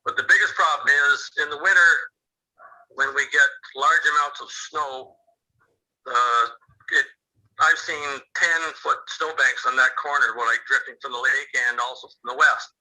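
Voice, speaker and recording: An older man speaking earnestly at a public hearing, his phone call held up to a loudspeaker and re-recorded, with halting restarts. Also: medium pitch. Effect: phone call replayed through a loudspeaker into another mic. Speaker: neighboring property owner giving public comment. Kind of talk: public comment at an online committee hearing.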